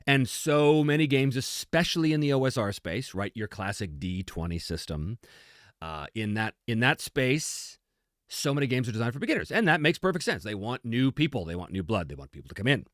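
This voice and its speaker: A man's voice: mid-range voice, sing-song, brisk, a bit bright, dry recording, clean studio sound. A man hosting a casual talk on tabletop gaming and answering questions in an emphatic, conversational, self-deprecating way. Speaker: host, game designer and game master.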